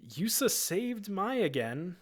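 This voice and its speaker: A man voicing a clumsy, goofy male amphibian alien who talks in drawn-out broken pidgin, in an amateur screenplay reading. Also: high-pitched, big pitch swings, pitched above the performer's own voice, exaggerated voice. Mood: goofy pleading.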